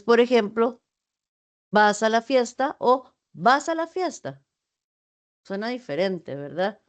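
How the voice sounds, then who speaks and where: A fairly high-pitched woman lecturing her students over a video call. She explains each point patiently and keeps checking in with them through rhetorical questions. Her pace shifts, sometimes quick, sometimes drawn out. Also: darkish tone. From Costa Rica. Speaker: university tutor. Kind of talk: online class lecture.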